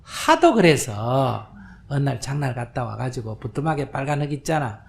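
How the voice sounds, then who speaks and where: An older male monk with a medium-pitched, gravelly, darkish voice gives a question-and-answer dharma talk to an audience in a lecture hall, at a moderate, sing-song pace. Chatty and conversational, he often checks that listeners understand, acts out quoted voices, and drops to whispers. Faint room noise is audible.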